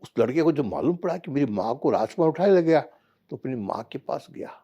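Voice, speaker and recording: A man telling a folk parable in casual, animated storytelling talk. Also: mid-range voice, fairly quick, breathy edge, dull audio. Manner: animated folk-tale narration. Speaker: vlogger.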